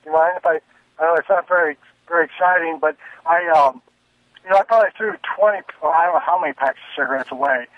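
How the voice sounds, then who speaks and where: Brief: an older male caller talking from a speakerphone. Slightly high, thin voice squeezed into a narrow phone band, halting, with many restarts. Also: dry recording. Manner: halting, restarts and repeats himself. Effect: caller on a speakerphone over a phone line. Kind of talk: call-in to a radio talk show. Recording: tinny speakerphone call with a dry sound.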